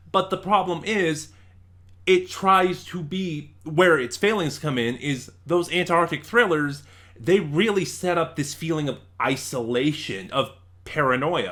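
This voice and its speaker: On his review channel, a Nevada man with an American accent gives emphatic, informal rankings full of casual opinion. His voice is on the high side and fairly bright.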